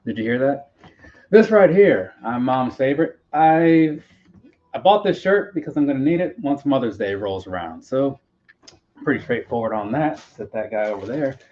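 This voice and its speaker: With a mid-range, animated voice at normal speed, a male collector vlogger talks to himself while unboxing his buys on a live stream. His casual rambling comes through slightly dull lo-fi audio with faint noise over a faint pop punk playlist.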